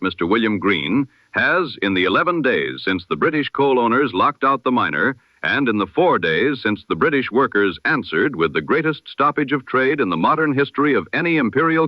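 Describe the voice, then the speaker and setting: A medium-pitched man delivers a scripted news bulletin as a solemn, formal announcer from 1920s radio, speaking rhetorically. The audio has no echo and runs through an old radio filter, leaving a dull lo-fi quality.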